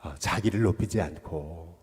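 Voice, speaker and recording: A man, the senior pastor, giving a dawn service sermon in a church sanctuary, telling the story in an animated way. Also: low-pitched, moderate pace, breathy edge. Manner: animated storytelling, acting out quoted voices. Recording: long reverb of a church hall.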